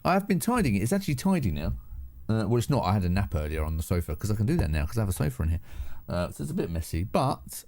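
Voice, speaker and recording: A man's voice: lowish voice, big pitch swings, racing, darkish tone. A middle-aged man with a southern English accent, hosting a casual live stream from his home studio, rambling and laughing with many restarts. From southern England.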